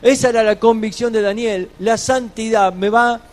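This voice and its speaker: A man preaching a sermon, slowing on key phrases and dropping quiet for scripture readings. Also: sits high, fairly even intonation.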